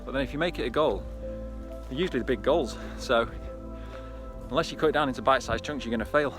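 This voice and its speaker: A man's voice: mid-range voice, fast, over music. A man chatting casually to viewers as he runs outdoors, in a conversational, encouraging vlog style. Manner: conversational, talking while out on a run. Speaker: running vlogger. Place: outdoors on a hillside trail by reservoirs.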